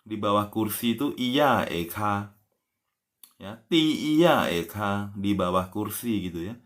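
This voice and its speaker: A man with a fairly low voice gives a relaxed live-stream language lesson. He stretches example words out slowly and spells them letter by letter. Nearly every phrase trails off with a gentle "ya". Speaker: language teacher.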